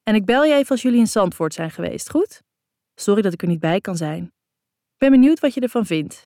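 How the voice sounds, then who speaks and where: A woman's voice: mid-range voice, expressive, a little fast, mellow, no echo, studio quality, lightly acted. Woman reading as an easygoing young man. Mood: breezy. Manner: light, teasing, breezy.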